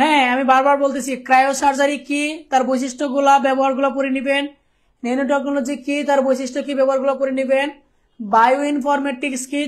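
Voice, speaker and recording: A young man from Bangladesh teaching a live online class, chatty and teasing his students, often checking "okay?". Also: very high-pitched. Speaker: ICT teacher.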